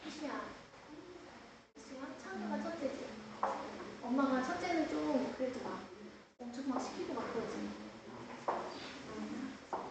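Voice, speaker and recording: A middle-aged woman teacher with a high voice works through grammar points for her class, talking the students through each step. She sounds far from the microphone, in a very echoey classroom. There is clear background noise behind her. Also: unhurried, long pauses. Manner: explains step by step and tells students to take notes, with asides to them. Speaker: English teacher.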